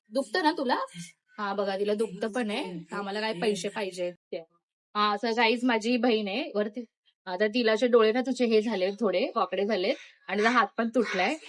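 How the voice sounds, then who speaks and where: A woman, talking straight to the camera in a playful mock-serious plea. She keeps turning aside to coax and boss a child next to her, sliding between pleading and scolding. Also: medium pitch. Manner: coaxing and bossy, switching from pleading to scolding. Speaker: vlogger.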